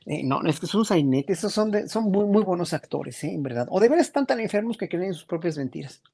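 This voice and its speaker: A man's voice: high voice, expressive, fast, gravelly, mellow, slightly rough. A Mexican man on a panel, talking in an indignant, rambling way with many restarts. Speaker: regular panelist. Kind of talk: animated panel commentary.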